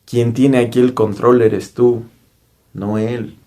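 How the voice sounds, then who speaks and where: Recounting a personal spiritual experience, a man with a Mexican accent speaks earnestly in a storytelling monologue and keeps checking in with his listeners using tag questions. He takes it slowly, in a mid-range, level, warm voice.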